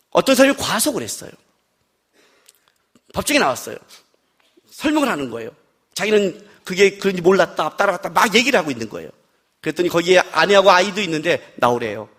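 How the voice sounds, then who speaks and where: A man's voice: high voice, very animated, fairly quick, pauses often, fairly bright tone. A middle-aged man preaching an expository sermon at a worship service, telling stories and acting out his wife's replies. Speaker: pastor.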